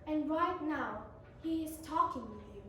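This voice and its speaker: A woman voicing a calm, gentle, authoritative holy man in a dramatic Bible reading, soft and measured. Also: high voice, exaggerated voice. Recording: roomy, distant mic, faint noise.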